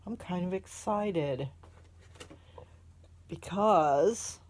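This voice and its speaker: A woman with a lowish, slightly mellow voice draws out her words as she rambles casually in a craft vlog. She gushes over the items she shows, exclaiming often, and sounds congested with a snotty nose.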